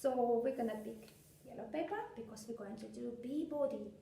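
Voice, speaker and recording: High sing-song woman, children's craft presenter. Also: brisk, vocal fry. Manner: bright, sing-song children's-entertainer delivery with simple encouraging phrases. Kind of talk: step-by-step craft demonstration for young children. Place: indoor craft room, seated at a table. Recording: echoey room, distant mic, background noise.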